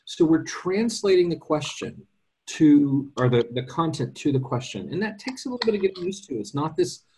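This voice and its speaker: A man co-hosting a casual live question session, explaining card readings in quick bursts with self-deprecating humor. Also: a little high, sing-song, darkish tone, husky. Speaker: co-host and card reading teacher.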